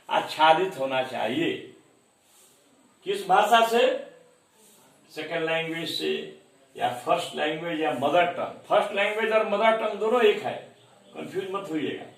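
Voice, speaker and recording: A male teacher working through exam questions at a measured, unhurried pace. He reads each English question slowly, then explains it step by step. His voice sits a little high and sounds distant in a very echoey room. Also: fairly bright tone. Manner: explains step by step, mixing Hindi and English terms. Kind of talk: exam-prep lecture.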